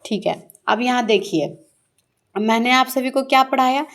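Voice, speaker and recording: A woman teaching a shorthand lesson. She asks her pupils questions, answers them herself, and repeats the key words slowly. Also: fairly high pitch. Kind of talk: classroom-style shorthand lesson.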